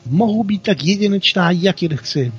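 A man voicing a tiny, excitable girl soul in a story, asking eager, breathless questions. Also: sits high, slightly rough, lo-fi sound, faint music behind, voice pushed up, exaggerated voice.

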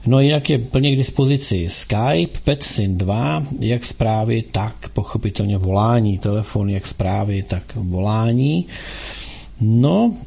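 A man hosting a casual call-in radio show, talking in a rambling, halting way with frequent filler sounds. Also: on the low side, lively intonation, creaky, mellow, breathy edge.

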